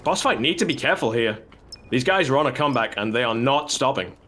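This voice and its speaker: Excited male esports shoutcaster over game gunfire. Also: fast talker. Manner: animated, bursts into raised-pitch shouts at action. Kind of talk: excited live play-by-play game commentary. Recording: noisy, gunfire and clicks behind. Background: video game gunfire.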